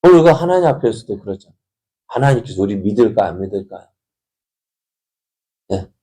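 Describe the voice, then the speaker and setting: A man's voice: lowish voice, big pitch swings, brisk, mellow, breathy edge. A male pastor giving an early-morning sermon, often putting rhetorical questions to the congregation. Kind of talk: dawn prayer sermon.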